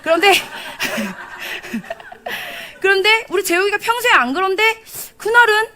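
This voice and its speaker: Lively high-voiced woman preaching. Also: slow. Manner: animated, acts out quoted speech, laughs often. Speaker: associate pastor preaching. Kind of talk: sermon with storytelling. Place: church service.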